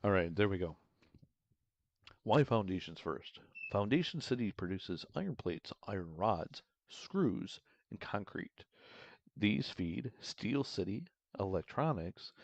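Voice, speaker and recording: A measured, announcer-like narrator, as a man puts it on with a deep, gravelly tone. It is delivered a little louder than his usual talk. The sound is dry and slightly muffled. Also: big pitch swings, dry recording, heavily acted. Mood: narrating. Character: steady male narrator reading advice.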